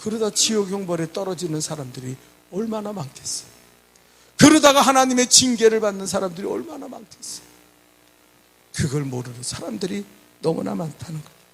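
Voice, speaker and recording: A man's voice: high-pitched, animated, brisk, creaky, a bit bright, breathy edge. A male pastor preaching a sermon in a church, asking the congregation rhetorical questions and leading them in call-and-response. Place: church sanctuary.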